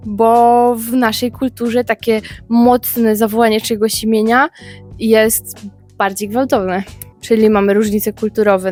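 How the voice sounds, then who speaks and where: Woman, young adult, from Poland, vlogger, expressive, casual chat, faint background music. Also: medium pitch. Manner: lively, expressive storytelling. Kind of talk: casual talk to camera.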